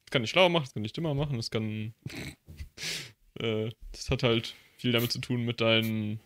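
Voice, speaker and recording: A man's voice: mid-range voice, fairly even intonation, normal speed, a bit bright, no room sound. A young man in casual chat who explains things at length, hedging as he goes.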